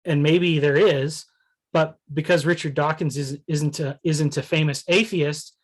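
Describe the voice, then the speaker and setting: Searching, higher-voiced man musing aloud. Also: fairly even intonation, unhurried. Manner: searching, full of restarts and "you know". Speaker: essay writer discussing his ideas. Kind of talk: casual philosophical conversation.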